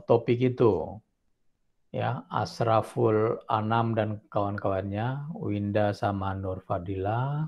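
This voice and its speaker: Gravelly-voiced man giving a lecture. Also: mid-range voice. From South Sulawesi, Indonesia. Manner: animated, acts out student voices while explaining. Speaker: university lecturer. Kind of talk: classroom lecture.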